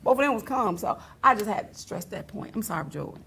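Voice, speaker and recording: A woman's voice: medium pitch, animated, a little fast, a bit bright, a little hiss or hum. A woman hosting a casual talk show, teasing her guest and laughing often as she talks.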